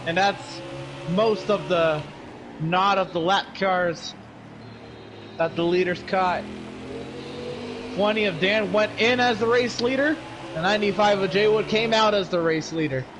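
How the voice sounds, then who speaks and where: High-pitched male race commentator over engine noise. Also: measured pace, long pauses. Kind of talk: live sim racing play-by-play commentary. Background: race car engines.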